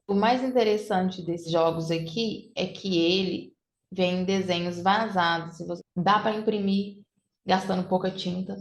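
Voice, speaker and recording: A woman teaching parents in an online class, slowly and deliberately sounding out letters and syllables. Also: on the low side, echoey room. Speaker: literacy teacher. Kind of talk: online class demonstrating phonics materials.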